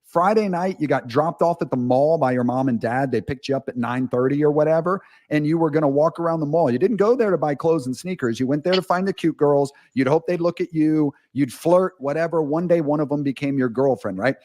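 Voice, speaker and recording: A man appears as a podcast guest and author, telling stories candidly and at length in a rambling way with frank asides. His fairly high, darkish voice runs fairly quick with few pauses, in casual conversation.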